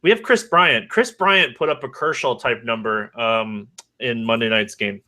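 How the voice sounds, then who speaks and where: Male host, bright tense tone, brisk stats talk on a web call. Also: medium pitch. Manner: brisk, stat-heavy delivery. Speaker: podcast host. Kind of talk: fantasy baseball analysis chat. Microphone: online call.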